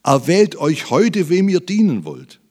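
A man preaching a sermon, swinging between emphatic loud appeals and low, quiet asides. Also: wildly swooping pitch, unhurried.

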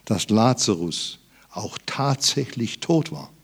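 Slow, emphatic male preacher. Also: medium pitch, lively intonation, breathy edge. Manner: slow, emphatic preaching that rises loud on key phrases; reads Bible verses aloud. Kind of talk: sermon.

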